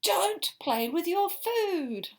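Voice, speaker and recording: A woman's voice: on the low side, steady tone, takes it slowly, creaky, fairly bright tone, pitched below the performer's own voice, full character voice. A woman voicing an exasperated mother scolding her little boy in a storybook read-aloud. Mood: stern.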